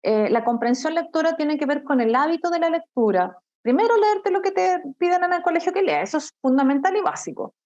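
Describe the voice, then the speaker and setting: A woman's voice: high voice, lively intonation, fairly quick, few pauses, darkish tone. A middle-aged woman with a Chilean accent, giving a lesson on study techniques and often checking in with her students. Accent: Chilean Spanish. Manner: explanatory, addresses students directly with frequent checks. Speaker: teacher. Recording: dull lo-fi recording.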